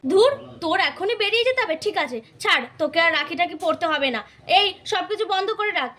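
A woman playing a shrill, fussing elder sister. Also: lively intonation, sharp tone, heavily acted. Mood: scolding. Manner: scolding, complaining, rapid. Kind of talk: doll puppet show acting.

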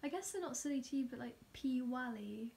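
A woman's voice: high voice, lively intonation, fairly quick, creaky, a little mellow, slight background noise. A woman chatting casually and asking questions, recorded on a phone at home.

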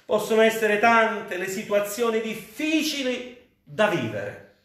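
A man's voice: high-pitched, very animated, a little slow, a bit bright. An Italian man preaching a sermon as pastor, fervent and rising on cries to the Lord. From Italy. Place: church. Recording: very echoey church hall.

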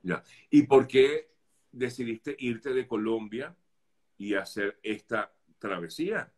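A man's voice: medium pitch, slow pace, a little mellow. A male journalist interviewing a guest with courteous, probing questions.

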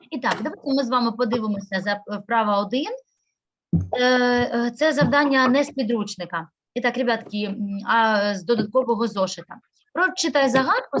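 A woman's voice: on the high side, fairly bright tone, muffled recording. A woman teaching a primary school class, patiently sounding out syllables and words.

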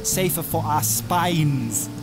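A man's voice: on the high side, slow, over loud music. An actor voicing a commanding, theatrical male doctor who brings the dead back to life in a video game. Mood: instructing.

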